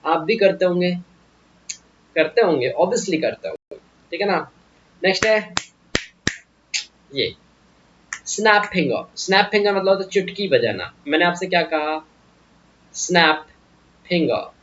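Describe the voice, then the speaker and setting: A man's voice: sits high, animated, unhurried, long pauses, muffled recording, noisy background. Chatty man teaching English vocabulary. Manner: chatty, joking, repeats questions to the viewer. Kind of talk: casual Hindi vocabulary lesson.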